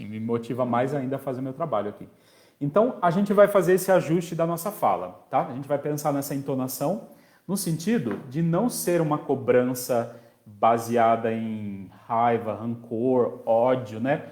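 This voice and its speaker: A man teaching an online parenting course in a warm, mellow voice. He talks conversationally, reads viewers' comments aloud and replies, and keeps checking in with his audience. The sound is roomy, with a clear echo off the walls. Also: mid-range voice. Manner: checks in often with tag questions. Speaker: special education teacher. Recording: echoey room.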